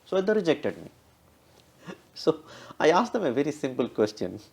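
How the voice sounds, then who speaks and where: Slightly high and sing-song, this man's voice is also gravelly, husky, and darkish in tone, carrying a heavy Indian accent. Speaking quickly as a guest in an interview, he tells stories and often tags sentences with a questioning "right?".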